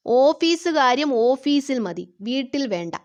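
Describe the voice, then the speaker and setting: A woman's voice: sits high, sing-song, measured pace. A woman reading the lines of a stern estranged husband who speaks firmly and curtly.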